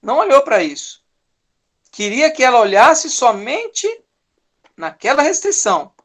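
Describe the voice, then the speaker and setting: A man's voice: very high-pitched, very animated, unhurried, a bit bright. A man with a Brazilian accent giving a sermon, talking conversationally and often tagging his sentences with a questioning "né?". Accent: Brazilian Portuguese. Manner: conversational, tags many sentences with "né?"; teaches verse by verse, acting out short quoted lines. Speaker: preacher.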